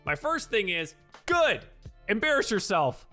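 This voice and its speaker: A high-voiced man with big pitch swings talks a little slowly, his tone bright and forceful. He's a professional dungeon master hosting a relaxed livestream advice chat over soft background music, emphatically repeating points to stress them.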